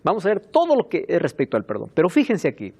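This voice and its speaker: A man preaching a sermon as pastor, emphatic and animated, turning aside now and then to call on helpers. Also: a little high, fast talker, husky.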